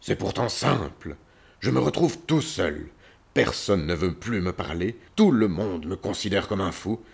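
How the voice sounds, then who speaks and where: A man's voice: low voice, lively intonation, measured pace, vocal fry, breathy edge, full character voice. A man putting on a grumpy, growling lion. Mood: angry. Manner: growling, sulky. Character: grumpy lonely male lion, king of animals.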